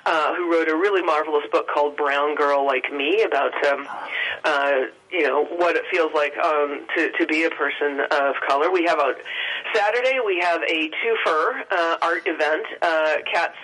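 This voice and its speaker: A woman's voice: deep voice, moderate pace, fairly bright tone, poor audio. Woman speaking over the phone. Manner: hesitant, many filler sounds. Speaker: event organizer guest. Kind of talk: phone-in interview.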